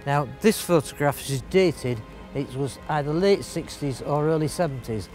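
Older guy doing a local history talk, kinda high voice, lots of uh's, music under it. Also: moderate pace, darkish tone. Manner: hesitant, many "uh" fillers, explanatory. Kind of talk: spoken local history presentation. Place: in front of a brick wall.

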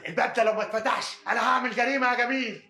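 A hot-headed, jealous Egyptian ex-husband. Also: male voice, extremely high pitch, steady tone, racing, creaky, pushed and bright, soft background music, full character voice. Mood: agitated. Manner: agitated, jealous ranting.

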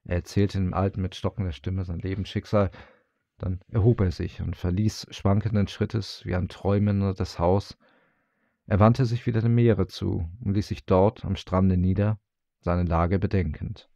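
Deep, gravelly male storyteller. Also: normal speed, no room sound, dull audio. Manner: expressive, rising with the drama. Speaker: audiobook reader. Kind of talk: storybook reading of fairy tales.

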